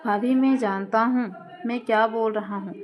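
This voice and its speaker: A woman's voice: fairly high pitch, fairly even intonation, normal speed, lo-fi sound, a little hiss or hum, lightly acted. A woman voicing a young man who pleads with his sister-in-law, choked with tears, in a storybook reading. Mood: pleading.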